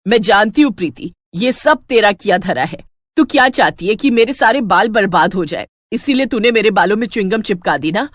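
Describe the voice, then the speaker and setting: A woman voicing a proud, jealous middle-aged mother-in-law in a cartoon story, scolding and shrill when angry. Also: expressive, fairly quick, no room sound, studio quality, natural voice. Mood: furious.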